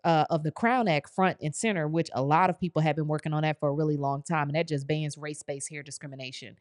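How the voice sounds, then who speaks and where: Affirming woman host, low voice, dry sound. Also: quick pace, no room sound. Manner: lively, affirming, colloquial. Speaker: interview host. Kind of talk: casual interview.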